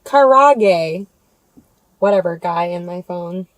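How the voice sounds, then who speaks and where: A woman's voice: medium pitch, unhurried, darkish tone, dry recording, low-quality recording. An American woman giving a casual food review to viewers, talking between bites of crunchy fried chicken. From United States. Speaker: food vlogger, mukbang host. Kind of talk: casual food review chat while eating.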